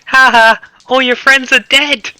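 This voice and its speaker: A man voicing a creepy, childlike robot with a high robotic voice, gleefully taunting in a mocking sing-song. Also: steady tone, measured pace, bright, forceful tone, clear, resonant tone, dry recording, heavily acted, rough recording. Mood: gleeful mockery.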